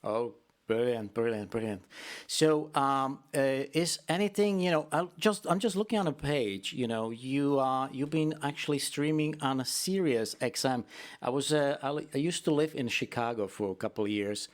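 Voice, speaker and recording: A man hosting a radio interview over a video call, talking in a halting way with many restarts and a slight American accent. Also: mid-range voice. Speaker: radio host. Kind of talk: casual interview.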